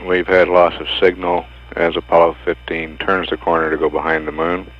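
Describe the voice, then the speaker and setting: A man's voice: sits low, flat delivery, normal speed. A man giving formal mission status announcements from mission control, heard through muffled broadcast audio with a hum. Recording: dull lo-fi broadcast with mains hum.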